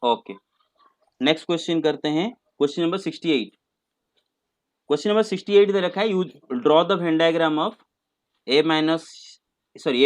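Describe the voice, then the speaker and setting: A man with a somewhat high voice teaches an online maths class, patient and coaxing. He sprinkles English terms into his speech and addresses students as "beta".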